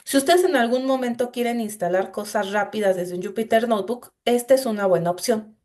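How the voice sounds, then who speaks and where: Woman, instructor, screen-share coding lesson, somewhat high voice, explanatory, talks straight to students. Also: brisk, darkish tone. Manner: explanatory, addresses students directly with frequent "entonces".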